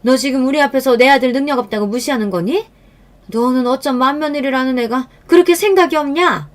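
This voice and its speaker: A woman's voice: high-pitched, a little fast, voice pushed up, lightly acted. A contemptuous older mother-in-law, put on by a woman reading the story, nags in a raised, scolding voice. Every line drips with scorn for her daughter-in-law. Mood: scolding, scornful.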